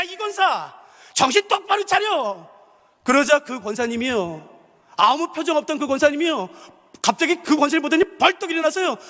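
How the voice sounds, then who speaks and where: Impassioned male pastor, high lively voice. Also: long reverb tail. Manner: impassioned storytelling, acting out quoted voices. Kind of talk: sermon.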